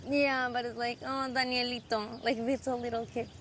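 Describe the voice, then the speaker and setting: Slightly bright and on the high side, her voice holds a fairly flat pitch at a moderate pace, sounding natural with slight background noise. The Colombian actress in her twenties plays the teasing, patient lead in a film scene, laughing easily and chatting as she coaches a visitor's pronunciation.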